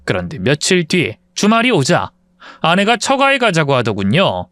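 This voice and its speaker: Guy narrating a story, lively pitch, dry close sound. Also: no echo. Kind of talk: scripted narration of a true-story drama.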